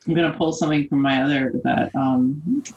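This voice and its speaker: Gravelly-voiced woman player, musing. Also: low-pitched, steady tone, fairly quick, a little mellow, dull audio. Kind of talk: casual tabletop game chat.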